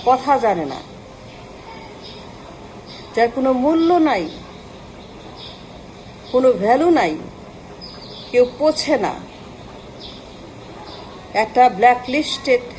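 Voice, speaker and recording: Fiery high-voiced woman ranting. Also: lively intonation, a little mellow, slight background noise, poor audio. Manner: fiery, rapid lists of insults with English words mixed in. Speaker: political commentator. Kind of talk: impassioned political rant.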